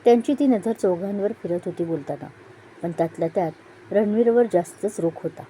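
A woman narrating a family audio story in a steady storytelling manner. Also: medium pitch, normal speed, slight background noise, low-quality recording.

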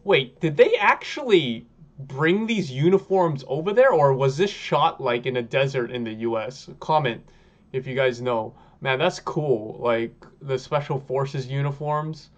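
Speaking into a webcam in a room at home with sneaker shelves, a Hawaiian man in his thirties hosts a laid-back reaction video. He talks at a measured pace in a mid-range voice, excitable and chatty with plenty of fillers. The recording has its highs cut off.

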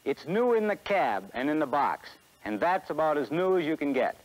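Standing by a truck in a film studio, a man in his forties with an American accent gives a scripted sales pitch for a 1960s promotional film. He sounds a little high-pitched, very animated, at a moderate pace, and the recording quality is low.

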